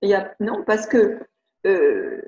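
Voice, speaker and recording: A woman's voice: medium pitch, big pitch swings, slow pace, mellow, a little hiss or hum. A woman with a French accent leading a live webinar as an educator, speaking in a chatty, hesitant way with many restarts while she answers viewers' questions. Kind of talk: live video-conference talk, reading viewer questions. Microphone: computer mic on video call. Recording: muffled roomy video-call audio.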